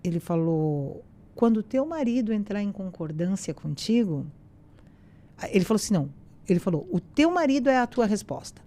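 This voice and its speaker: A woman shares a personal faith testimony as a podcast guest. Her voice sits at a middling pitch with a soft, mellow tone. She tells the story casually and with animation, acting out the lines of the people she quotes. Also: a little fast. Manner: animated storyteller who acts out quoted dialogue.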